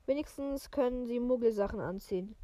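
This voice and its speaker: A woman's voice: fairly high pitch, fairly quick, dark tone, no room sound, lightly acted. A woman reading the lines of a stern, irritable elderly witch professor in her own voice, stumbling over words now and then. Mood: irritated.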